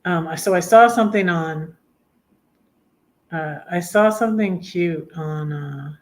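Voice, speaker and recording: A woman in her fifties chatting on a live stream, rambling with many pauses and fillers, sometimes singing a hymn line slowly. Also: fairly low pitch. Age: 50s. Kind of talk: casual live chat.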